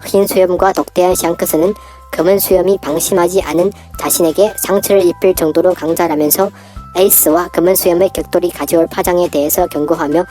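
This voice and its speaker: A narrator whose voice is disguised by a downward pitch shift, reading a scripted story-style character breakdown with steady delivery and falling sentence ends. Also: brisk, faint music behind.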